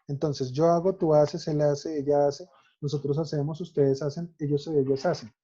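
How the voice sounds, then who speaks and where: Male teacher, patient drill-style explainer, dark tone, lo-fi laptop-mic sound. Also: fairly high pitch, fairly even intonation, moderate pace, slightly rough. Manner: methodical, spells out endings letter by letter. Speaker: French teacher. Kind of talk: recorded online grammar lesson.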